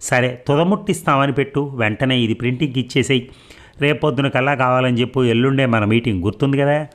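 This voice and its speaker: A man's voice: medium pitch, fast talker, natural voice. A man voicing a bossy, commanding woman who leads a women's club in a novel reading.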